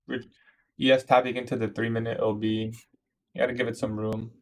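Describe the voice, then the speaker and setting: Fairly quick and mid-range, his voice shows little movement in pitch. He's an Iraqi day trader, age twenty-one, who hosts a live stream where he comments on trades and fields chat questions casually, full of slang and lots of "bro."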